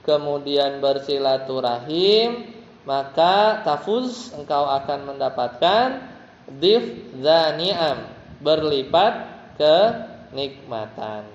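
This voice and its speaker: A man with an Indonesian accent teaching a tajwid class, patiently explaining each letter and chanting verses for students to repeat. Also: a little high. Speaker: Quran recitation teacher. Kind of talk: tajwid lesson with call-and-response chanting. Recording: dull, roomy hall recording.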